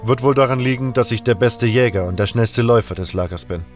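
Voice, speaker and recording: A man voicing a calm, friendly young male hunter and armor maker who talks in an easygoing, matter-of-fact way. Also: mid-range voice, fast, faint music behind, lightly acted.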